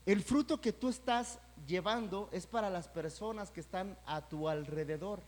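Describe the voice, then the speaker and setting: A pastor preaching a sermon, talking conversationally and then building to loud, emphatic peaks. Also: male voice, high-pitched, moderate pace. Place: church sanctuary. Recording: church hall with long reverb.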